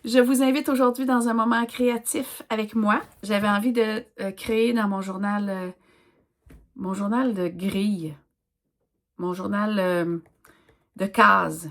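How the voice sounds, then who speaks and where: A woman with a Québécois French accent chatting casually as she works in her art journal, thinking aloud with many pauses and fillers. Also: mid-range voice, steady tone, a bit bright. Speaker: craft vlogger. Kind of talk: casual chat while crafting.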